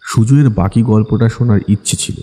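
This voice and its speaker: Reading a scripted ghost story a little fast, this male audiobook narrator has a deep and very mellow voice. A long reverb trails behind every line.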